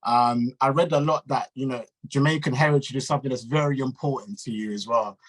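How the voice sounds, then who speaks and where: Over a remote video call, a male interviewer and show host runs a casual interview in an informal, slangy, encouraging manner. His voice is medium-pitched, brisk, and fairly even in intonation.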